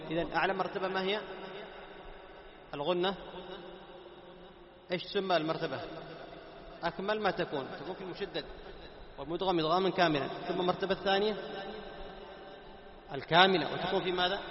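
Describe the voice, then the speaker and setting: A man teaching a class, quizzing his students, repeating key terms and slowing down to recite examples. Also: sits high. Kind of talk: classroom lesson on tajweed. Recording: echoey hall, dull lo-fi sound.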